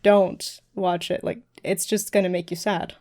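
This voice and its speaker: A woman's voice: on the low side, level tone, measured pace, a little mellow. A young woman, a streamer and dance teacher, chatting as a podcast guest in an easygoing, giggly way. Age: young adult. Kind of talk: casual podcast chat.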